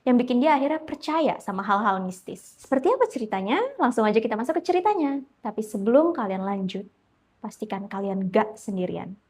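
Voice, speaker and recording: A woman's voice: fairly high pitch, expressive, brisk, darkish tone. A woman narrating a horror story in casual chat, talking directly to her listeners. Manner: chatty, addresses listeners directly.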